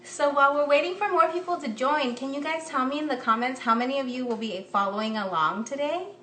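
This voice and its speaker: A woman's voice: sits high, fairly quick, fairly bright tone, a little hiss or hum. A woman in her thirties from the United States, chatting upbeat with lots of ums as she hosts a live cooking demo from her home kitchen. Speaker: cooking instructor. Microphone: phone camera propped close. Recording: roomy, slightly distant phone audio.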